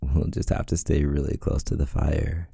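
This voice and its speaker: A man in a whispered role-play as a playful, teasing boyfriend, speaking softly and affectionately. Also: rumbling low, flat delivery, normal speed, vocal fry, breathy edge, no room sound, clean studio sound. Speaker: audio role-play creator.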